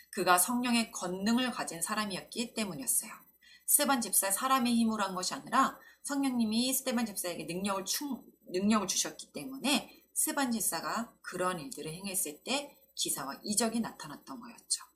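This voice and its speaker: A woman preaching to children in a Sunday school service, telling a bible story in a gentle storytelling manner and acting out the quoted lines. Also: mid-range voice.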